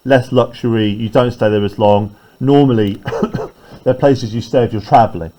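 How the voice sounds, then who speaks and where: A man's voice: mid-range voice, fairly even intonation, moderate pace, mellow, poor audio. A male teacher leading a classroom poetry lesson, talking conversationally and often checking in with tag questions.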